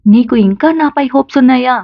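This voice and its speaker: A woman's voice: high-pitched, a little fast, vocal fry, no echo, dull audio, voice pushed up. A woman voicing a young male college student who doubts himself but grows eager. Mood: doubtful.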